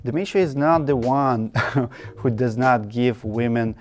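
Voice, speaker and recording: A Russian man with a Russian accent hosts his own channel, giving earnest, direct advice to camera point by point, with emphatic repetition. His voice is mid-range and a little mellow, and he takes it slowly. There's a little hiss or hum in the recording.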